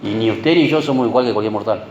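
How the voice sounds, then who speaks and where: A man's voice: on the low side, quick pace, darkish tone, reverberant, lo-fi sound, soft background music. A man preaching a sermon. He keeps checking in with the congregation through short tag questions and repeats words for emphasis.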